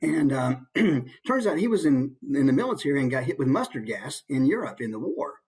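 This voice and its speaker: An American voice actor from the United States gives an informal, conversational instructional talk, demonstrating as he explains. His mid-range voice is sing-song, a little mellow, and slightly rough, at a moderate pace.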